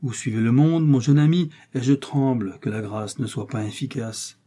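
Man putting on a lecturing Jesuit priest, raised voice, husky, mellow tone, storybook. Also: medium pitch, normal speed, lightly acted. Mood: reproving. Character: pompous, zealous male Jesuit priest.

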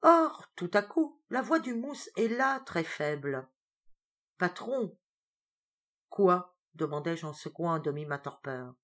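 A woman with a slightly low voice reads a first-person sea tale aloud. Her delivery is theatrical and expressive, climbing sharply in pitch and volume at moments of suspense. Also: measured pace, hardly any pauses. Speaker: storyteller.

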